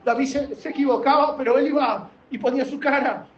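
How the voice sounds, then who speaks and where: High-voiced fervent male preacher. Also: steady tone, a little fast, echoey room, dull audio. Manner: fervent preaching, swings between soft low passages and shouted exhortation. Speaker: pastor. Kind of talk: impassioned sermon.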